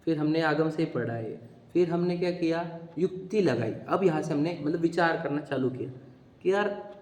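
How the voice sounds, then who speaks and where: Man, teacher, questioning students, slightly raised pitch, roomy hall reverb. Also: lively intonation, moderate pace, darkish tone. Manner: quizzing, keeps asking if students understood. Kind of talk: interactive religious philosophy class. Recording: echoey hall.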